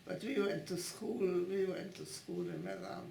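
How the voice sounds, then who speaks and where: An elderly woman in her nineties with a gravelly, creaky voice, speaking haltingly in an oral history interview. She stumbles through many repeated restarts while she hunts for words. The recording has a roomy echo from her home. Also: on the low side, huge pitch swings, mellow, a little hiss or hum. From born in Italy, raised in Italy and Switzerland. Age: 90s.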